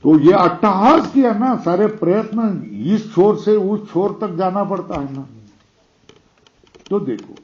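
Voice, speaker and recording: A man giving a scripture lecture, explaining slowly, quoting verses and asking his listeners to confirm. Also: high voice, lively intonation, a little mellow, muffled recording. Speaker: teacher of scripture.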